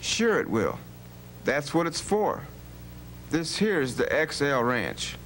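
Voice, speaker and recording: In an educational radio drama, a man plays a bold, plain-spoken legendary cowboy rancher with a folksy, authoritative, confident and commanding manner. His exaggerated voice is a little high and fairly bright, slow, with big pitch swings. The low-quality recording has hum and faint background noise.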